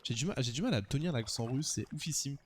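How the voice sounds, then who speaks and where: A man's voice: mid-range voice, lively intonation, fast talker, a little hiss or hum. A man streaming a video game, talking casually with joking asides to his viewers. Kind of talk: casual gaming commentary.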